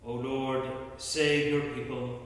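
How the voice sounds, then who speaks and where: Man reciting prayers in cathedral echo. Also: mid-range voice. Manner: steady measured recital. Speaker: service leader. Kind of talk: liturgical recitation. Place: large church. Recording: echoey church from far off.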